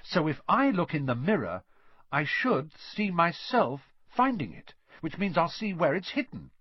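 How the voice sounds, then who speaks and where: Audiobook part: man putting on a scared, brave boy wizard, high and husky. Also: very animated, measured pace, dry recording, heavily acted. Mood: anxious thought. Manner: urgent, blurting. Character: frightened young wizard boy, desperate and brave. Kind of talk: audiobook character reading. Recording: dull lo-fi dry recording.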